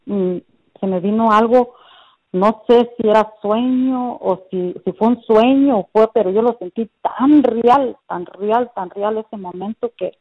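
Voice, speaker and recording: A woman's voice: on the high side, a little slow. A middle-aged woman giving a personal religious testimony as a guest, telling her story earnestly and repeating phrases, with many fillers. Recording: dull lo-fi sound.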